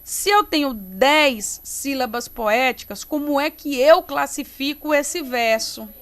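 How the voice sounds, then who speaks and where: A woman teacher with a Brazilian Portuguese accent, giving a recorded online lesson into a computer mic. Her voice sits high and she talks slowly, sounding out syllables one at a time. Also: animated, fairly bright tone. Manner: slow, explains step by step, syllabifies words aloud. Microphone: computer mic while writing with mouse.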